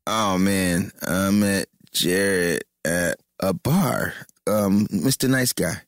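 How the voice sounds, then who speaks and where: A man guest telling a story casually, halting with many um's. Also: sits low, no echo. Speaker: songwriter guest.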